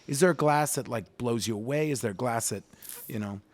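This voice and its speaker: A man hosting a podcast, talking in a relaxed, chatty way full of fillers. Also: mid-range voice, fairly quick, no room sound. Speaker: podcast host. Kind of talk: casual podcast interview.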